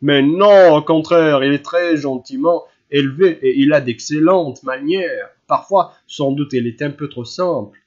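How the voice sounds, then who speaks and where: A man's voice: fairly high pitch, measured pace, hardly any pauses, lo-fi sound. A man voicing a genial, hasty older general in an audiobook, with an affable, reassuring manner. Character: hurried, genial older general, husband and father. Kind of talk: audiobook character reading.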